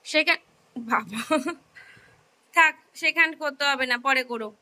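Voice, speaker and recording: A woman's voice: high voice, measured pace, bright, forceful tone. A young woman coaxing her pet in casual, sing-song baby talk, cajoling and repeating herself.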